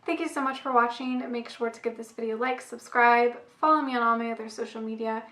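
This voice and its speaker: Chatty young woman, voice going hoarse. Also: fairly high pitch, fairly even intonation, fast talker, fairly bright tone. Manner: chatty, frequent "like" and "I don't know" fillers. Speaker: book vlogger. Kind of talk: casual monthly book review chat. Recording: echoey room.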